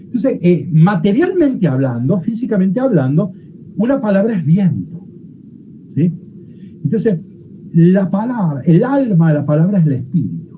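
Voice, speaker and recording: A Bible teacher gives a classroom lecture. The teacher explains step by step and often checks understanding with quick questions. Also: mid-range voice, mellow, a little hiss or hum, low-quality recording.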